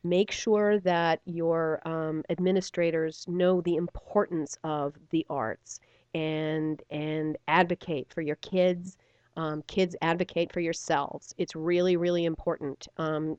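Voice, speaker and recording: On a relaxed radio interview, this middle-aged stage actor and theater company member talks with lively energy, filling her speech with laughter and verbal fillers. She has a lowish, slightly mellow, smooth voice, recorded without echo and with the highs cut off.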